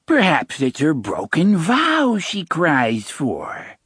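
Man voicing spiteful old nuns, mocking, high-pitched, slow taunting delivery. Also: wildly swooping pitch, fairly bright tone, breathy edge, no echo, studio quality, exaggerated voice. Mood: jeering. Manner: mocking, jeering.

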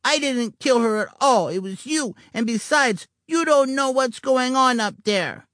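A man's voice: expressive, a little slow, no room sound, clean studio sound, heavily acted. A man doing a snappy seven-year-old girl. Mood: snappish. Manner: high, sharp, snapping.

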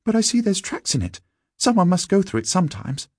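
A man's voice: high-pitched, big pitch swings, a little fast, slightly rough, dry recording, studio quality, voice pushed up, exaggerated voice. A man voicing a resourceful, observant schoolboy Scout in a storybook, eagerly piping up.

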